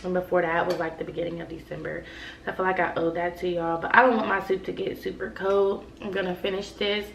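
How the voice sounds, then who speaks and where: Fast and level, her voice sits on the low side with vocal fry and a little hiss or hum in the recording. The young adult woman vlogger has a stuffy nose from a cold-like illness and chats casually to camera, rambling with heavy use of "like" and "y'all." The echoey room and mic distance leave her sounding a bit far away.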